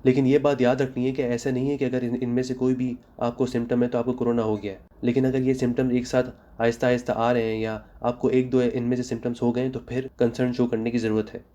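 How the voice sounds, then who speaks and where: With highs cut off in the audio, a young Pakistani comedy vlogger speaks in a mellow, mid-range voice with flat delivery. His monologue is packed with sarcastic rapid-fire jokes, followed by health advice.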